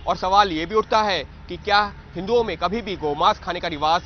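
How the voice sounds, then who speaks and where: A man reading a scripted news report in a measured voice and posing questions. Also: high voice, highs cut off, soft background music.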